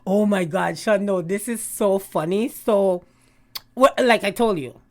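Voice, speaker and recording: Speaking unhurriedly in a mid-range, slightly mellow voice, a middle-aged woman from Canada appears as a guest with a YouTube gossip host. She's chatty, shares stories, and laughs a lot in the casual conversation.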